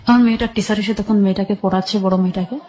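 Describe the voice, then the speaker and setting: Here the same kind of radio testimony comes in a mellow, mid-range voice that holds a steady tone while racing along. She is a middle-aged woman with a Bangladeshi accent, sombrely and plainly walking through her life in order.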